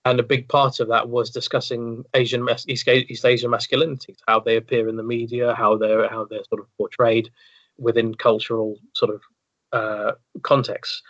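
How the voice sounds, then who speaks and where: A man's voice: mid-range voice, level tone, normal speed, fairly bright tone. A man talking as a podcast guest, wordy and thoughtful, often repeating words as he thinks. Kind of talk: casual podcast chat. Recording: dull lo-fi sound.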